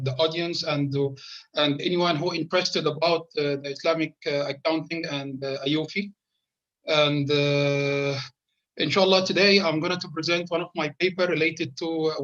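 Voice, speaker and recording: High-voiced man, Arabic native, on a dull call line. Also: a bit bright. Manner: hesitant, frequent fillers, non-native English. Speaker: guest presenter, academic. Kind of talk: lecture introduction on a video call. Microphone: video call. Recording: lo-fi video call audio.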